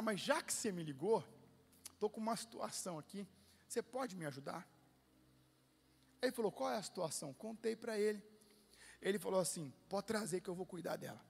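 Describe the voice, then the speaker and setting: High-voiced Brazilian pastor in echoing hall. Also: male voice. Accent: Brazilian Portuguese. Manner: animated, swings from hushed to loud when telling a story. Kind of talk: sermon storytelling. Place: large church hall. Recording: long reverb of a large hall.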